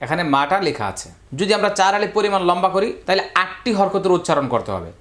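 A Quran reading teacher giving a step-by-step recorded lesson, drilling letter sounds in slow, repetitive chants and stretching vowels to show their length. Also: medium pitch, expressive, fairly bright tone.

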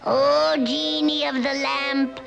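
Creaky, cackling old Sea Hag witch. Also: high-pitched, little pitch movement, slow, over music, heavily acted. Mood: greedy, commanding. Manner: theatrical, gloating, wicked. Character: scheming, gloating old female sea witch. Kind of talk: vintage cartoon villain acting.

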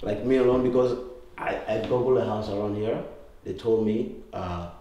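A man's voice: on the low side, moderate pace, warm tone, recorded from a distance, highs cut off. Man saying "bro" in an echoey empty room. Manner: casual, says "bro" often, emphatic. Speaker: man sheltering in an abandoned house. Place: large empty room in an abandoned house. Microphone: camera held at a distance.

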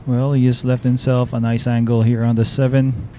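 A man giving billiards commentary in a measured, explanatory play-by-play manner. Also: mid-range voice, little pitch movement, warm tone, a little hiss or hum.

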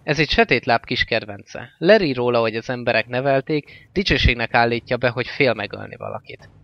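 A man voicing a smug, scheming male orc lieutenant who talks in a deferential, smooth way, on a slightly dull recording with faint music. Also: mid-range voice, no echo, close to an everyday voice.

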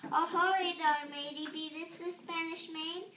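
A woman's voice: very high-pitched, fairly even intonation, a little slow, sharp tone, a little hiss or hum, heavily acted. Braid Beard, a bellowing pirate captain read out by a young girl. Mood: blustery. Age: child. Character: loud gruff male pirate captain. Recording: echoey classroom from far off.

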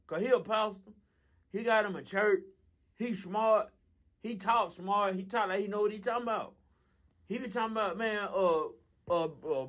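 Man playing a high-pitched, fast-rambling fool; profane, slangy and full of filler. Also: fairly bright tone. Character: dim-witted, loudmouthed Southern man. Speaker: comedy radio character. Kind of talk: comic monologue.

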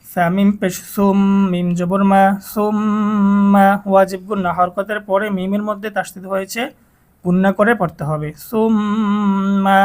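Teaching Quran reading, a man with a Bangladeshi Bengali accent names each letter and vowel mark before stretching out complete words slowly. His voice is high and a little mellow, and his delivery is flat.

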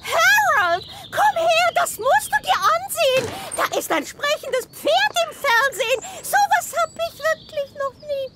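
An actress playing an excitable farmer's wife in a video game, calling out in a shrill voice. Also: female voice, measured pace, background noise, full character voice. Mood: astonished. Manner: calling out, exclaiming.

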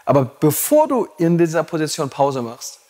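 A man's voice: on the high side, big pitch swings, moderate pace, warm tone. A man teaching yoga teacher trainees in a blunt, provocative way and laughing at his own jokes. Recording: long hall reverb.

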